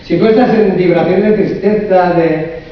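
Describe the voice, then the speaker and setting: Man, fairly high voice, coach giving a humorous conference talk, heard from far off in a big echoey hall. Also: moderate pace, dull audio. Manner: humorous, lively, asks the audience many rhetorical questions. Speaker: coach and therapist speaking at a conference.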